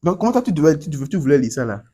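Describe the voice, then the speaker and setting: A man's voice: on the high side, big pitch swings, racing, mellow. A man coaching a class on Chinese pronunciation, drilling students and repeating words energetically.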